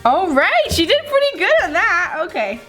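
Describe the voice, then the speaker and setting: A young woman making a casual vlog, cheerfully coaching a small child and squealing with excitement. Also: extremely high pitch, moderate pace. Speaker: slime vlogger. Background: background music.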